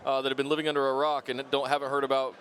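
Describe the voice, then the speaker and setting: A man's voice: mid-range voice, little pitch movement, racing, a bit bright. A man hosting a live-stream interview in a chatty, informal, casual way. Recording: noisy busy event floor background.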